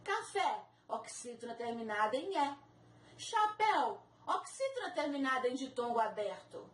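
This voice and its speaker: A woman teaching a recorded video lesson, going slowly and spelling out each example word with care. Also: fairly high pitch, lively intonation. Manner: slow, careful, spells out examples. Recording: echoey room, mic at a distance.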